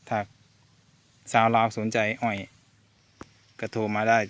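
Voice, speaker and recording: Easygoing Korat farmer, dry close sound. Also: male voice, fairly low pitch, completely flat delivery, slow, dry recording. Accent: Korat (Nakhon Ratchasima) Thai, mixing in Isan/Lao words. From Thailand. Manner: easygoing, chuckling, loose and meandering. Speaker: sugarcane farmer vlogger. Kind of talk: casual rambling vlog talk. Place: farm field outdoors.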